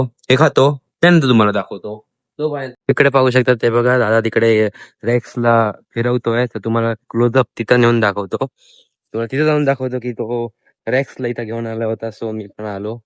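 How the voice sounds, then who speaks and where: A young man with a Marathi accent, chatting casually to his viewers in a daily vlog. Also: lowish voice. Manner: chatty, addresses viewers as friends. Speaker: vlogger.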